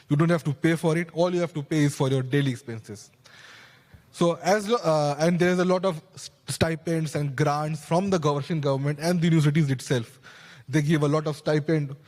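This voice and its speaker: A young man with a somewhat high, darkish voice speaks earnestly from a conference panel, breaking into quick restarts and side remarks. The large stage hall gives his handheld mic a long reverb.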